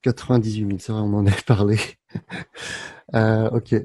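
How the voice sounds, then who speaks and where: A man's voice: lowish voice, little pitch movement, moderate pace, mellow, no room sound. A man hosting a podcast who asks questions in a casual, friendly way and rephrases them as he goes. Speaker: podcast host, interviewer. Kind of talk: casual interview chat.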